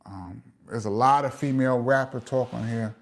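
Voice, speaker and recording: A man's voice: medium pitch, moderate pace. A middle-aged man with a New York accent, hosting a casual live chat and reading out viewer comments, chatty, with frequent "um" fillers and laughs.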